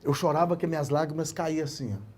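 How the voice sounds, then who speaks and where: A man, a pastor, giving an emotional testimony sermon, speaking to his listeners as brothers and swinging from quiet storytelling to loud proclamations. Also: on the high side, fast talker, a little hiss or hum. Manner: impassioned, addresses listeners as brothers.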